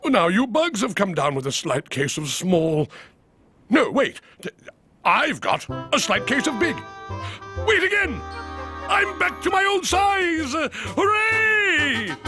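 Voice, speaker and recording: A man's voice: extremely high pitch, heavily acted. A man voicing a fussy, formal cartoon policeman who has shrunk. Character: fussy shrunken male policeman, proper and flustered.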